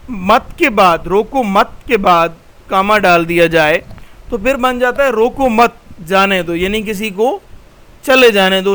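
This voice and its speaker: A man's voice: high voice, pushed and bright, clear, resonant tone. A middle-aged man with a Pakistani Urdu accent, teaching a recorded slide lecture, patient and explanatory, repeating key terms.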